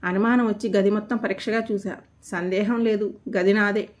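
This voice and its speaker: Woman storyteller, first-person narration, even descriptive reading, middle pitch. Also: moderate pace.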